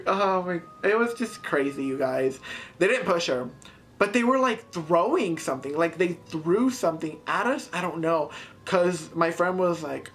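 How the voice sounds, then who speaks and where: A teenage girl excitedly retelling a scary night out in a casual storytime, with many fillers and sudden jumps in pitch. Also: slight background noise. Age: teens. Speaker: vlogger.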